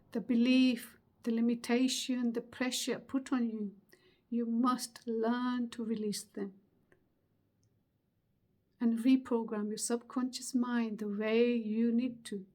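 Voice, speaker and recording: A middle-aged woman delivers a motivational webinar talk in a fairly high voice. She speaks slowly and earnestly, pausing often to let points land. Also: mellow. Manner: slow, earnest, emphatic delivery with pauses.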